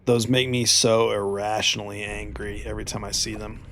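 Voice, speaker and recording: A man's voice: lowish voice, flat delivery, moderate pace, fairly bright tone, a little hiss or hum. A man giving casual, wry gameplay commentary, ranting and swearing freely. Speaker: gaming YouTuber.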